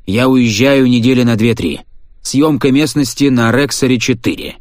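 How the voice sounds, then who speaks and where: A man's voice: medium pitch, steady tone, normal speed, a little mellow, no echo, studio quality, lightly acted. A man reading the part of a cold, impatient scientist husband in an audiobook, speaking curtly and with contempt. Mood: gloating. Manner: curt, impatient, sneering.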